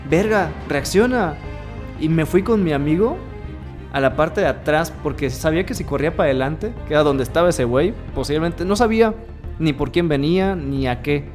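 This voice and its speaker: Faint music plays behind this man, a Mexican-accented co-host recounting a party story in casual conversation. He's a vivid storyteller who acts out voices, quotes, and sounds, speaking on the high side, animated and fairly quick, with a darkish tone.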